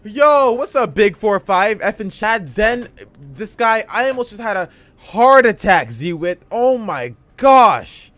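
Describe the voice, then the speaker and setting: A man streams a live game playthrough, talking in a high voice that leaps up and down with excitement. He chats loosely, full of slang and casual swearing. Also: slow pace. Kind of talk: live gameplay commentary.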